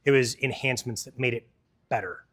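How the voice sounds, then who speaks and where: A man's voice: mid-range voice, brisk, fairly bright tone. A man presenting a product in a store demo, talking casually and explaining technical details to a crowd.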